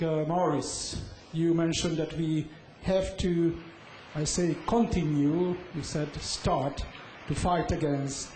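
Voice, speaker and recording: A man from Hungary in the audience, asking a question haltingly with many pauses and fillers. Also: a little high, darkish tone, slight background noise. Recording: echoey conference hall.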